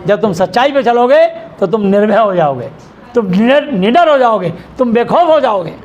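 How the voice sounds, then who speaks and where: A man's voice: high voice, lively intonation, normal speed, darkish tone, highs cut off. A middle-aged man pastor delivering an emphatic sermon in a church hall, asking rhetorical questions and answering them himself.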